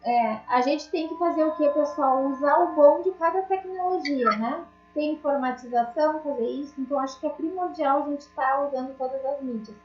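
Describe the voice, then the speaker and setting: A high-pitched woman teaches an online class, chatty and full of small jokes as she talks straight to her students. Her voice comes through a dull, lo-fi call with a roomy echo. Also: moderate pace, few pauses, soft background music. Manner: chatty, jokey, addresses students directly.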